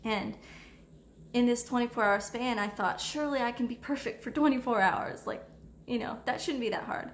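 A young woman gently telling her personal faith testimony in a hesitant, soft-spoken way with many pauses and fillers. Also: on the high side. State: tearful at times. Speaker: vlogger sharing testimony. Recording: echoey room with faint ambient noise.

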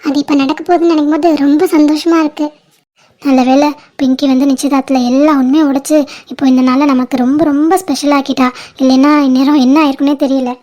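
A woman's voice: high-pitched, little pitch movement, fast talker, mellow. A woman voicing the sisters and mothers of a home-made family drama cartoon, emotional and pleading. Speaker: cartoon creator voicing all female roles.

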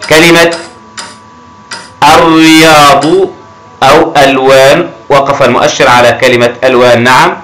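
A man teaching a grammar lesson to young children, encouraging and often praising them, stretching words slowly as he reads them aloud. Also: medium pitch, steady tone, fairly bright tone, low-quality recording. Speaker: primary school teacher.

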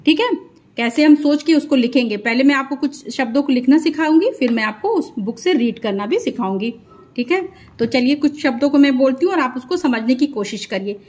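A woman's voice: high voice, a little mellow. A woman teaching children to read Hindi, drawing out each syllable and checking in with "okay" after each one. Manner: drawn-out syllables, repeats each sound, frequent "thik hai". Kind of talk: slow spelling lesson, dictating sounds.

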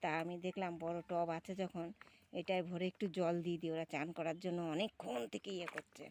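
A woman's voice: fairly low pitch, fairly even intonation, fairly quick, darkish tone. A woman chatting fondly about her birds while filming in her yard on a phone, often urging viewers to look. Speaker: vlogger. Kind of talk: casual home vlog commentary.

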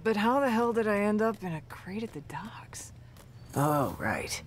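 Voicing a brash, hard-drinking young brawler in a video game, an actress wisecracks and swears freely as the foul-mouthed, boozy character. Her medium-pitched delivery is animated, unhurried and lightly acted, with a little hiss or hum in the background.

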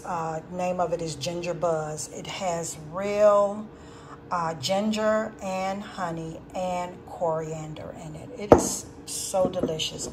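Slow, chatty woman with a low voice. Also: background noise. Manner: unhurried, chatty, restarts and corrects herself. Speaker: vlogger showing a grocery haul. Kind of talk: casual chat. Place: home, at a dining table.

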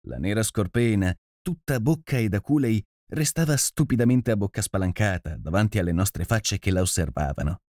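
A man narrating a literary adventure audiobook in a measured, steady storytelling manner. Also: fairly low pitch, dry recording, clean studio sound.

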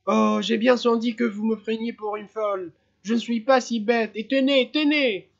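A man voicing a frantic, shrill mother. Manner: shrill, rushed, pleading. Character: frantic middle-aged mother, agitated and insistent. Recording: slightly dull lo-fi sound.

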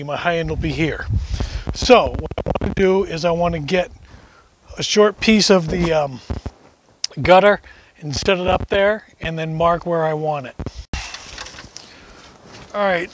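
A man's voice: sits high, a little hiss or hum. Chatty man narrating outdoor barn work. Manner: chatty, explains each step while working, self-deprecating jokes. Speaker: homesteading vlogger. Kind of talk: casual how-to narration. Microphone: camera mic from a distance.

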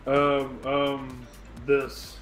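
Slow-talking man in an echoey room. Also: medium pitch, monotone, fairly bright tone, soft background music. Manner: slow, exasperated, swears. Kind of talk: casual online game chat. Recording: roomy echoey mic.

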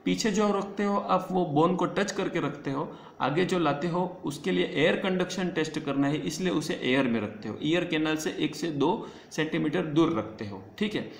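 A man giving a nursing class lecture in Hindi, switching into slow, halting English lines and checking in with his students. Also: on the high side, vocal fry. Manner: explains in Hindi mixed with English, halting English lines, keeps asking "okay?". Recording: echoey room, faint noise.

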